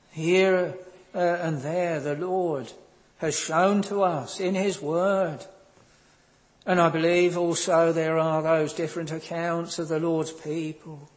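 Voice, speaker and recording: A man preaching a sermon in a slow, earnest manner, pausing often and filling the gaps with ums. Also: on the high side, in a large hall.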